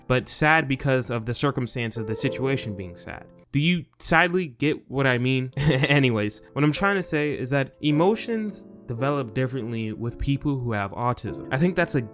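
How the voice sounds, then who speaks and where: A man's voice: medium pitch, a bit bright. A man hosting a casual video essay, talking in a chatty, jokey, self-aware way.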